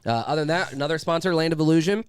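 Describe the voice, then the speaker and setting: A man hosting a podcast with casual, sweary, rambling chat and sponsor reads, in an excitable manner. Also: fairly high pitch, racing, clear, resonant tone, no room sound, clean studio sound. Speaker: podcast host.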